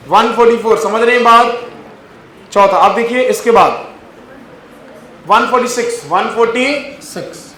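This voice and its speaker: Guy teaching bio in a classroom, high voice, keeps checking if the class gets it, roomy echo. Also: fairly bright tone, slight background noise. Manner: coaxing, repeatedly asks the class if they follow. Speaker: biology teacher. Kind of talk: classroom test-solution lecture. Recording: echoey classroom.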